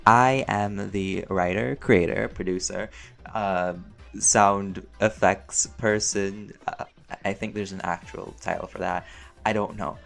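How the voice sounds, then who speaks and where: Here a man with a fairly low, gravelly, fairly bright voice takes his time, keeping his intonation fairly even. Answering fan questions as a channel creator and voice actor, he rambles casually and playfully with lots of slang, keeps interrupting himself, and is prone to giggling, all over music.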